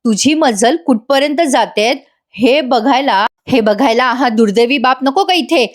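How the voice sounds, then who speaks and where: A woman voicing a stern, disappointed father speaking slowly and reproachfully. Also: high-pitched.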